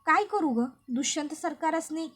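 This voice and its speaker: A woman's voice: high voice, lively intonation, normal speed, a bit bright. A woman voicing a stubborn village woman who scolds bluntly in a rural dialect. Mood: fretting. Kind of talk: recap narration with read-out dialogue.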